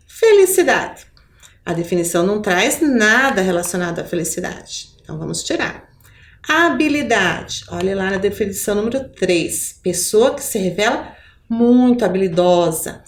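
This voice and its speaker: A Brazilian woman teaching a primary school lesson, with an expressive sing-song teacher voice that stretches key words. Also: medium pitch, normal speed. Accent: Brazilian Portuguese. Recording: roomy echo.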